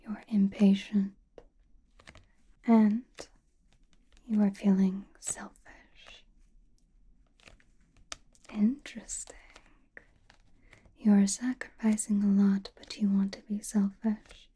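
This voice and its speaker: A woman playing a mysterious, powerful witch who reads tarot in an ASMR roleplay, whispering slowly in a calm, knowing, soothing way. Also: medium pitch. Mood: intrigued, sympathetic. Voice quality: breathy, whispered. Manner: slow, deliberate, soothing personal attention.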